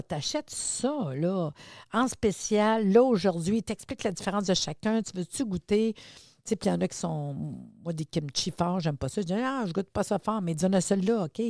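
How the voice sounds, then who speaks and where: A woman's voice: on the low side, darkish tone, dry recording, studio quality. A middle-aged woman with a Québécois French accent, hosting a podcast and telling a story in an enthusiastic, chatty, exclamatory way. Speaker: podcast host. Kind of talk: casual storytelling monologue.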